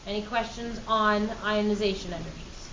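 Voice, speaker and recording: A woman's voice: medium pitch, normal speed, highs cut off, noisy background. A middle-aged woman teaching a chemistry class, quizzing students in a playful, upbeat way. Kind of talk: classroom lecture.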